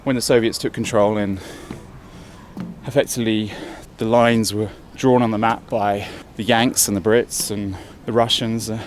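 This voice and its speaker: Faint outdoor street noise accompanies an English travel vlogger on an uphill city walk. He talks at a moderate pace in a fairly low, steady voice, thinking aloud in a chatty way and sounding a little winded.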